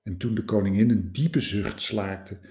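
A man narrating a fairy tale in an expressive storytelling manner. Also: fairly low pitch, measured pace. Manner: expressive, lively.

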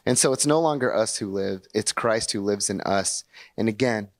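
A young male pastor delivers a sermon to his congregation in a church sanctuary, speaking conversationally and animatedly and frequently posing questions to the room. His voice is on the low side, at a normal speed.

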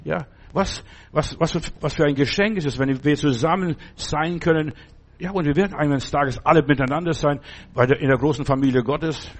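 A preacher with a slightly high voice and moderate pace gives an informal, conversational sermon. He often repeats himself, restarts phrases and wanders into asides.

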